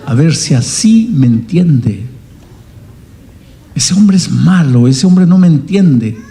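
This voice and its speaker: A man voicing a bitter young man who cannot walk, shouting angrily at first and pleading humbly later. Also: a little high, animated, slow pace. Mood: remorseful.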